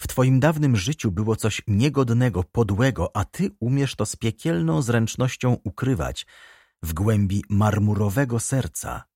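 A man reading the part of a stern former journalist turned prosecutor in an audiobook, measured and quietly accusing. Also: mid-range voice, expressive, no room sound, clean studio sound. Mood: menacing.

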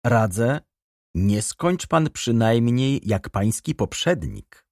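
A man reading the part of an ironic, haughty baroness in an audiobook, raised in pitch and teasing. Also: animated, slow, a little mellow, no room sound, studio quality. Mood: mocking. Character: ironic aristocratic baroness, adult woman, haughty.

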